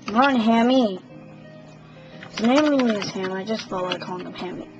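A woman's voice: medium pitch, normal speed. A young woman giving rambling, casual commentary while playing a video game, wandering into chatty asides. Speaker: gamer. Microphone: camera filming a TV screen. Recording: dull lo-fi home video with game music. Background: game music.

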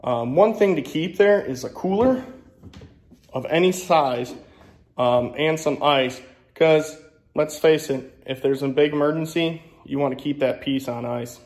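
A man's voice: a little high, unhurried, a little mellow. A man in his thirties giving practical shop tips in a casual how-to style, with joking asides. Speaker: woodworking channel host. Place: home woodworking shop, indoors. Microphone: camera-mounted, filmed at arm's length and from a tripod. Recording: echoey shop room.

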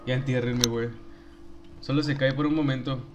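A man's voice: mid-range voice, steady tone, moderate pace, noisy background. A young man with a Mexican accent, a streamer joking and laughing as he reads his chat aloud. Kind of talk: casual live-stream chat.

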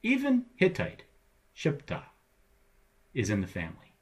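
A man, middle-aged, giving a playful, animated recorded lecture, reading out word lists with jokes along the way. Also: on the low side, moderate pace, slightly rough. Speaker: teacher.

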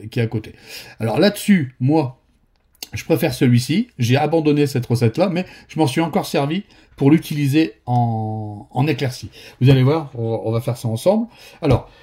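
A man's voice: mid-range voice, warm tone, husky. A man from northern France with a Ch'ti accent, giving a casual painting tutorial in a rambling, friendly way with many fillers and restarts. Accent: northern French (Ch'ti).

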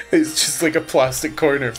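A man's voice: a little high, a bit bright. Joking man playing a game. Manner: jokey, laughs often, puts on silly Russian accent. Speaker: let's play co-host. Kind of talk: casual gaming banter. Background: game music.

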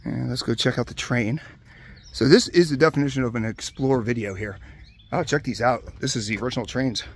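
A man from the Hershey area of Pennsylvania walks outdoors through an old amusement park, talking casually into a handheld camera. His delivery is relaxed and conversational, dotted with "uh" and "um" as he points out rides. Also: medium pitch, brisk, slightly rough. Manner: relaxed, chatty, many "uh" fillers. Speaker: vlogger exploring a closed amusement park. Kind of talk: casual walk-around commentary.

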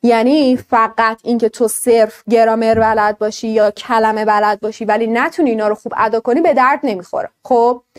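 A woman teaching an online English class, explaining pronunciation to students in a lively way and asking them questions. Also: fairly high pitch, hardly any pauses.

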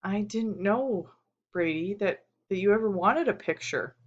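A woman reading the lines of a tearful, gentle middle-aged mother in an audiobook, in a soft, small voice. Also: lowish voice, brisk, highs cut off, close to an everyday voice. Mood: worried.

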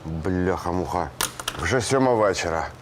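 A petty police officer in a comedy sketch, bossy and drawn-out as he mulls things over. His voice sits low but moves with lively swings. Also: background noise. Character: petty male cop making up mocking songs.

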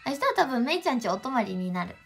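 A woman's voice: a little high, sing-song, quick pace, creaky, slightly rough, faint music behind. A young woman with a Kansai accent chatting casually on a home livestream, giggling often and answering viewers' greetings. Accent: Kansai Japanese.

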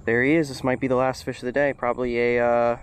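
A man's voice: mid-range voice, flat delivery, quick pace, clean tone. A young man vlogging from a small boat, chatting casually and thinking aloud while he fishes, recorded on a boat-mounted action camera. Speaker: fishing vlogger. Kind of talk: casual outdoor commentary. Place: small boat on open water outdoors.

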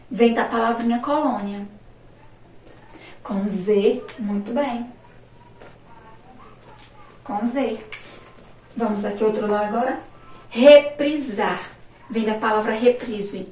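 A woman's voice: a little high, darkish tone. A woman teacher from Sergipe in Brazil giving a remote lesson to primary pupils, drawing out words, asking questions and praising the answers. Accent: Brazilian Portuguese, Sergipe. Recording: echoey room, voice from far off, faint noise.

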